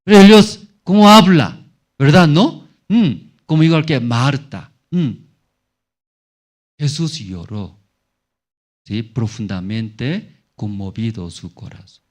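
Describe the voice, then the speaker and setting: A man with a mid-range voice preaches slowly and animatedly as pastor during a Sunday service in church. His sermon is call-and-response, full of questions aimed at the congregation.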